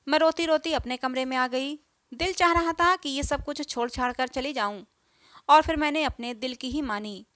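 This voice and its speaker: A woman's voice: high-pitched, a bit bright, dry recording. A woman narrating a family story in the first person, earnest and emotional.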